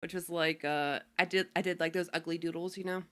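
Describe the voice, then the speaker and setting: A woman streamer chatting casually at home, full of fillers and quick giggles. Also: fairly low pitch, steady tone, fairly bright tone. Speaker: streamer host. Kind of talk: casual chat.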